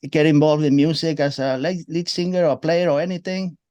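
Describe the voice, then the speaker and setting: A man's voice: a little high, fairly even intonation, brisk, mellow, clear, resonant tone, dry recording. A man hosting an interview who asks long, meandering questions with many fillers. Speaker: interview host. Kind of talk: casual interview.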